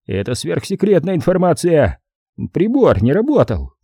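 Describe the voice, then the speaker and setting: A man voicing a gruff, grumbling male navy admiral in an audiobook. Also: on the high side, huge pitch swings, normal speed, dark tone, no echo, clean studio sound, pitched above the performer's own voice, heavily acted. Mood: alarmed. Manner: grumbling, agitated.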